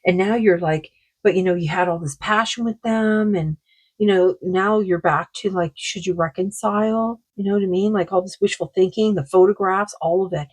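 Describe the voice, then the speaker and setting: A woman doing a tarot card reading, talking in a slow, meandering way, her throat sore. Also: mid-range voice, a little mellow, poor audio. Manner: slow, meandering, full of likes and you-knows. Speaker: psychic card reader.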